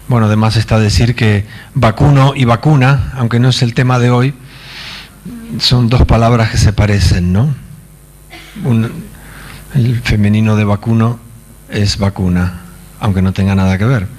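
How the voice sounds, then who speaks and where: A man from Argentina, giving a conference talk in a halting manner with many fillers and wry asides. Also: fairly low pitch, steady tone, a little mellow. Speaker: conference speaker. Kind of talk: lecture. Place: conference stage.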